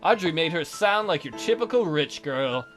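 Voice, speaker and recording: A let's player works through a game at a moderate pace, reading aloud and commenting casually. His fairly high voice is very lively in pitch, and his way of talking is sarcastic and joking, with faint music behind him.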